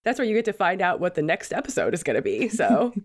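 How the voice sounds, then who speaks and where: A woman's voice: on the low side, very animated, fast talker. A woman co-hosting a podcast, chatty and self-mocking, her voice still sick. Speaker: podcast co-host. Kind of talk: casual podcast chat.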